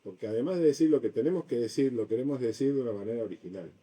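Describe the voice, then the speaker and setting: Male lecturer, mellow dark tone, animated delivery, distant classroom mic. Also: medium pitch, racing. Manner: animated, acts out examples with shifting voice. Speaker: university design lecturer. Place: lecture room.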